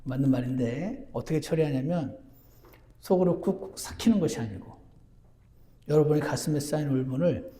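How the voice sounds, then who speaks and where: High-voiced, mellow male pastor preaching. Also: normal speed. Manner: earnest, swings from emphatic to hushed. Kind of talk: sermon. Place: church.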